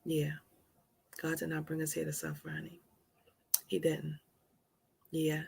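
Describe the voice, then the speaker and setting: A woman hosting a motivational live stream, dropping to soft whispers for emphasis and calling listeners honey. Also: deep voice, monotone, measured pace, gravelly, slightly rough.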